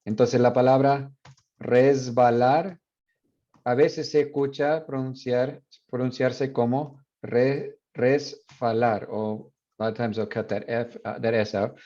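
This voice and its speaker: A university teacher explaining sound changes in a bilingual classroom lecture, mixing in English asides with frequent fillers. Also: male voice, mid-range voice, steady tone, slow pace, dark tone, highs cut off. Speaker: university Spanish phonetics teacher.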